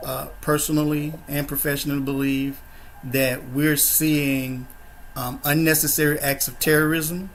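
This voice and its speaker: A man hosting a panel discussion over a video call, speaking in a measured way with many uh and um fillers. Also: fairly high pitch, slight background noise. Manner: measured, flat delivery with frequent uh and um fillers. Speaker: host of a discussion forum.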